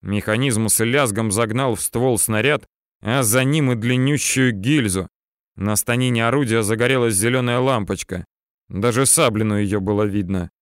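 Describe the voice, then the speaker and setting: A man narrating a war novel as an audiobook in a steady, tense storytelling manner. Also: fairly low pitch, normal speed, smooth, dry recording, clean studio sound.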